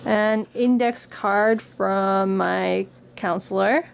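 Her words are drawn out and her mid-range voice is creaky and steady as this young craft vlogger, still shaking off a cold, walks viewers through what she carries in her bag. The setting is an indoor room with a plain backdrop and slight background noise. She lifts her tone brightly for book excerpts before chatting plainly.

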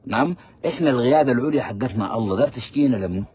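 A man's voice: mid-range voice, animated, very fast, darkish tone, breathy edge. A man with a Sudanese Arabic accent giving a heated monologue of political commentary, full of rhetorical questions and repeated phrases. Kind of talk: impassioned monologue.

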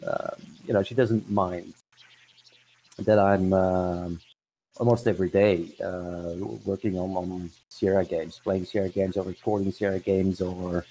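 A man's voice: low voice, flat delivery, a little slow, mellow, a little hiss or hum, rough recording. A man in his forties from Belgium, a guest answering questions in a casual video-call interview, hesitant with many restarts. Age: 40s.

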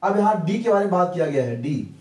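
A man teaching English pronunciation in Hindi, repeating each rule slowly and answering his own questions. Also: high voice, expressive, a little mellow. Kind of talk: Hindi grammar lesson. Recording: echoey room, distant mic.

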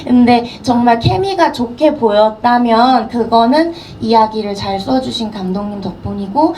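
A woman's voice: on the high side, lively intonation, moderate pace, a crowd in the background, poor audio. A woman actress telling stories at a film Q&A, chatty and laughing often. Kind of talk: anecdotes at a Q&A.

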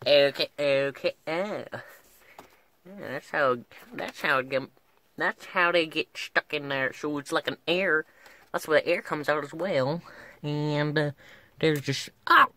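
A man narrates his own truck repair at a slow, easy pace, his voice bright and pushy as he hams up a joking twangy drawl. He mutters and grunts to himself between steps. The camera sits close in the tight space of a pickup cab. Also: a little high, no room sound. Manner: mutters and grunts while working with his hands. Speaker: car-repair vlogger. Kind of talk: casual hands-on tutorial chat. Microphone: handheld camera held close while working.

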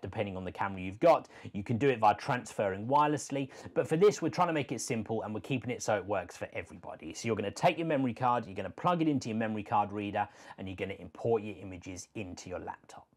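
A man in his forties, a sports photographer, giving a casual step-by-step tutorial from a home studio, relaxed with small fillers. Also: mid-range voice. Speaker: sports photographer teaching workflow. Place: home studio room with brick wall.

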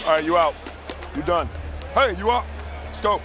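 A man's voice: high voice, expressive, moderate pace. A man, a football coach, giving profane, fired-up sideline talk in a stadium. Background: music.

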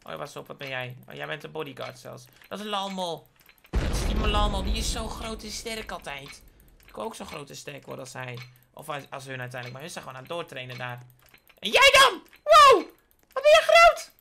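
A woman giving playful game commentary as a gaming YouTuber, excitable, with sudden high squealing outbursts. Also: fairly quick, noisy background. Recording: clear keyboard typing and clicks.

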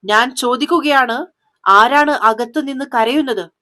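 A woman's voice: a little high, moderate pace, fairly bright tone, natural voice. A woman voicing a fierce, commanding young woman police superintendent in a storybook tale, who speaks sternly and barks orders. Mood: furious.

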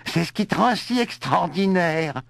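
A man's voice: sits high, lively intonation, measured pace, gravelly, a bit bright, no room sound, voice pushed up, heavily acted. A man voicing a young boy in a storybook, bewildered and apologetic. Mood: shy. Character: young boy, sheepish and curious.

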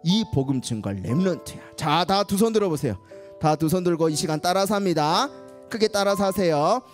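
A woman telling a Bible story to children, animated and expressive, leading them to repeat after her. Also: fairly low pitch, a little fast, faint music behind. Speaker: children's teacher.

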